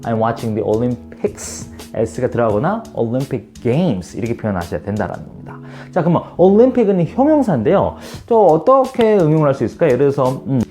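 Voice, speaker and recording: A man teaching English grammar to Korean viewers, reading example sentences slowly and checking in with rhetorical questions. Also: a little high, warm tone. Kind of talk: video English lesson.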